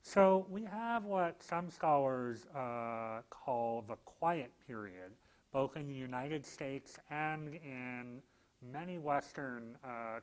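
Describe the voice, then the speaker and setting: A man's voice: fairly high pitch, poor audio. A male law professor giving a public lecture with dry, self-deprecating humor and frequent "um" and "uh" fillers.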